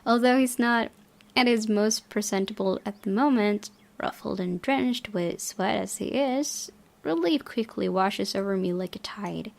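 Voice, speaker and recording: Over guitar music, a woman hosting a gaming session narrates a visual novel with dramatic flair, sometimes stumbling. Her mid-range voice is creaky and her pace measured.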